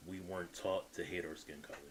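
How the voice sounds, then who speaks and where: A man's voice: low-pitched, flat delivery, fast, rough recording. A man streaming, commenting casually and hesitantly with many fillers.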